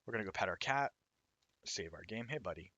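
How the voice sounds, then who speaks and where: A man with a hoarse, raw throat, casually explaining his own game while he plays it. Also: on the low side, expressive, fairly quick, pushed and bright, no room sound, dull audio. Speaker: indie game developer. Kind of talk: let's-play commentary.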